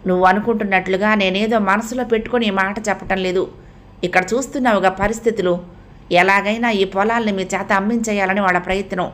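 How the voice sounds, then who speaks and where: A woman's voice: medium pitch, steady tone, quick pace, a bit bright, close to an everyday voice. A woman reading the lines of a stern older mother who firmly warns her grown son. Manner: firm, insistent warning.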